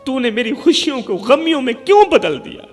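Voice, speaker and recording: A woman's voice: sits high, very animated, in a large hall, faint music behind, voice pushed up. A man voicing an orphaned young bride who wails and pleads over her dead mother. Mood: wailing. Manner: wailing, pleading questions.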